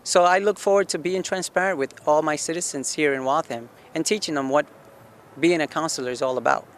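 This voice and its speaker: Man in his 40s, from Guatemala, slightly high voice, earnest campaign pitch, outdoors on a rooftop. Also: a little fast, a little hiss or hum. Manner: earnest, asks himself questions and answers them, frequent restarts. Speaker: city council candidate. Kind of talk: campaign statement to camera. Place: outdoor rooftop deck in a city.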